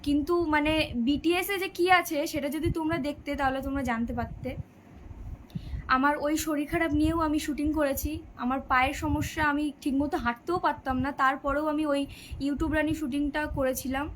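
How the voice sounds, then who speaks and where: A woman's voice: high voice, steady tone, moderate pace, fairly bright tone, a little hiss or hum, rough recording. A sixteen-year-old girl chatting on a live stream, reading out viewers' comments and answering their questions. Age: teenager, 16. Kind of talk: casual live-stream chat.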